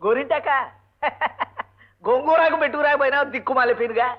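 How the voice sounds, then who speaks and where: An actor playing a grumbling, henpecked husband and lecturer who mutters sarcastic insults and shouts for silence. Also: male voice, very high-pitched, brisk. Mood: exasperated. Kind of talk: 1980s film comedy dialogue. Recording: dull lo-fi old film soundtrack.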